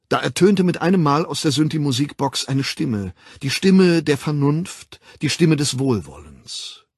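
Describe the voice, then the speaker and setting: A man's voice: medium pitch, gravelly, breathy edge, no echo, clean studio sound. A man reading a novel aloud in a dramatic audiobook narration style. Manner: dramatic, shifts into character voices.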